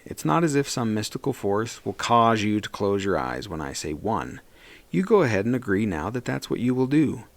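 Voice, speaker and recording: A therapist leads a guided meditation, his lowish voice gentle, soothing, and reassuring, with some vocal fry.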